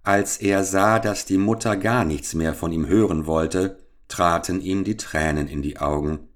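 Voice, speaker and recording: Deep-voiced male storybook reader. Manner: measured, expressive. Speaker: narrator. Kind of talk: storybook reading.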